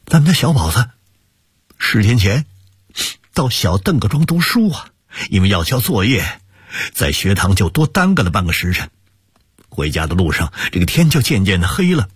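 A man's voice: mid-range voice, breathy edge, no room sound, studio quality, pitched above the performer's own voice. A man voicing a grieving younger brother who talks through tears. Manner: sobbing, broken pleading.

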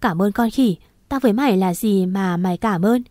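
A woman's voice: mid-range voice, moderate pace, mellow, no echo, clean studio sound, natural voice. A woman voicing a blunt, loyal young female best friend who talks brusquely.

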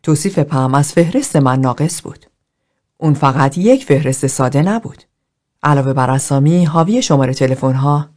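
Female narrator voicing an aloof man: flat, unemotional, low and quiet. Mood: detached. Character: cold, detached man, aloof loner.

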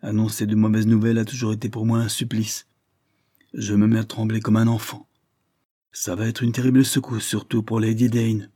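A man voicing a distraught, nervous young gentleman in a Victorian audiobook, speaking anxiously with excited outbursts. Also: lowish voice, normal speed, no room sound, studio quality, close to an everyday voice.

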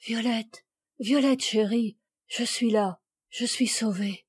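A woman reading a storybook aloud and voicing a gentle, devoted young boy who speaks in a tender, earnest way. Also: a little high, steady tone, slow, husky, no echo, studio quality.

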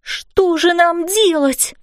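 A woman reading a storybook aloud voices a fairy mother who calls out slow, emphatic commands and exclamations. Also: very high-pitched, no room sound, studio quality, pitched above the performer's own voice. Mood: fretful. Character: kind fairy mother, flustered and gentle.

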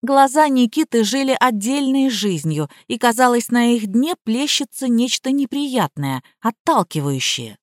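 A woman's voice: on the high side, sing-song, unhurried, few pauses, dry recording, studio quality. Woman narrating a first-person audiobook.

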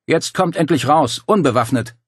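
A man voicing a calm, persuasive male cult leader who coaxes and quietly threatens. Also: mid-range voice, moderate pace, dry recording, studio quality, pitched above the performer's own voice. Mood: menacing. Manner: smooth, coaxing, quietly menacing.

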